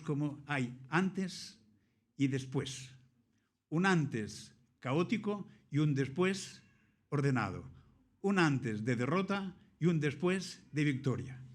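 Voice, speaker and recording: A man from Catalonia preaching a sermon in Spanish with a Catalan accent, reading scripture aloud and then explaining it with rhetorical questions and dramatic pauses. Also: on the high side. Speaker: pastor.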